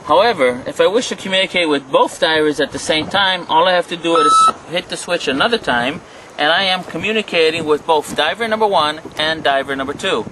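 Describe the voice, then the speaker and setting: A man with a slightly high voice presents equipment like a trainer. He explains step by step in a halting manner. The recording is made outdoors aboard a boat, with clear wind and engine-like boat noise around him. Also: animated. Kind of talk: product demonstration, instructional.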